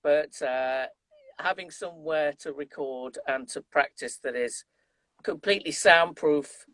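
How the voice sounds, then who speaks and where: This Midlands-accented man in his fifties sounds a little high and fairly bright, with no room sound. Appearing as a guest trumpet player in a chatty interview, he takes his time spinning stories, often restarting and leaning on fillers.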